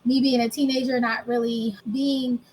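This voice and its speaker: A woman's voice: fairly high pitch, level tone, normal speed, a little mellow, a little hiss or hum, rough recording. A woman in her thirties from the United States, candidly telling her own story as an interview guest, plain and self-mocking. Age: 30s. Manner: candid, explains plainly, laughs at herself.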